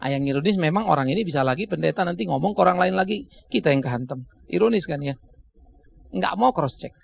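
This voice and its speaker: A man's voice: a little high, gravelly, slightly rough. A middle-aged male pastor, preaching a sermon in a conversational way, often laughing at his own stories. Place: church.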